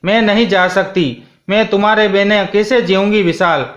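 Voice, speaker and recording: A man's voice: high-pitched, steady tone, normal speed, fairly bright tone, dull audio. A man voicing a grieving young wife who pleads in a trembling voice with the husband she lost, in a spoken story. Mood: desperate.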